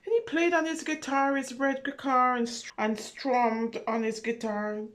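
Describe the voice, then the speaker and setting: A children's storyteller reads a picture book aloud to preschoolers, full of expression and wonder, stopping to ask questions and add little asides for her young listeners. Her voice is high-pitched, and the recording is very noisy.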